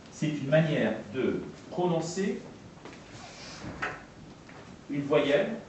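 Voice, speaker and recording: A man gives a lecture on poetry and translation, patiently repeating and spelling out each term. His voice comes from some distance off in a very echoey hall. A faint room hum sits behind him. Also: a little high. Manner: patient, repeats and spells out terms, pausing often. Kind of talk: explanatory talk to an audience.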